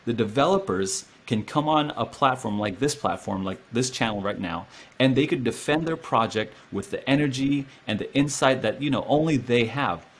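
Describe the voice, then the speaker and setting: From a small home room, a young host runs a casual interview, talking into the camera with lots of animation and gestures. He speaks at a normal pace with a medium-pitched, slightly rough voice.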